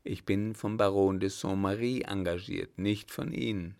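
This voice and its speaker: A man voicing a calm, unflappable hunchbacked scholar. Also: low voice, smooth. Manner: cool, polite, measured.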